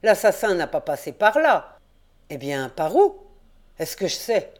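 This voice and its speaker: A woman's voice: fairly low pitch, very animated, a little slow. A woman doing a grumpy old rustic caretaker. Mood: grumbling. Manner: gruff, indignant, folksy country speech. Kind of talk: audiobook character reading.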